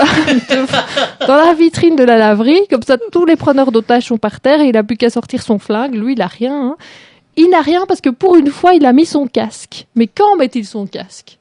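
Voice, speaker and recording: A woman's voice: high voice, moderate pace, darkish tone, no room sound. French-talk show lady roasting a cheesy series, sarcastic, laughs a lot, dry mic. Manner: sarcastic, mocking, laughs often. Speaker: show host reviewing a TV series. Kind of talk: casual critical chat.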